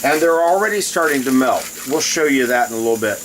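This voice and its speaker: Talking quickly at a medium pitch, a man demonstrates a recipe in a relaxed cooking vlog, rambling and frequently breaking off to handle items. Loud, constant hissing sits behind his voice.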